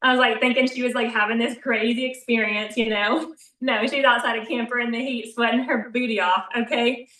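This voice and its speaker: A woman's voice: a little high, fairly even intonation, sharp tone. A young woman, talking casually and laughing often as she tells her story from an echoey bathroom. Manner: chatty, quick and informal, laughs often. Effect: echoey bathroom sound. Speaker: co-presenter in an online coaching session. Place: small home bathroom, indoors. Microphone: live video call, away from the mic. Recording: echoey room, voice a bit far off.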